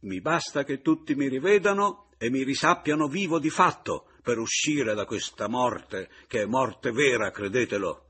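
A man doing a booming, teasing man toying with a rival. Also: moderate pace, few pauses, fairly bright tone, breathy edge. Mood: mocking. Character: mocking, jovial man back from the dead.

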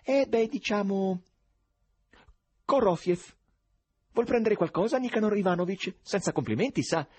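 A man's voice: high-pitched, expressive, normal speed, pauses often, darkish tone, breathy edge, dry recording, voice pushed up. A man voicing a thin, fawning male interpreter with a tremulous tenor voice, cordial and chattering. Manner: cordial, chattering, laughs as he talks.

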